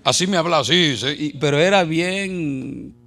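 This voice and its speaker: A middle-aged man preaching an animated sermon full of jokes and anecdotes. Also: a little high, moderate pace, creaky. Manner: animated, jokey, shouts and laughs at times.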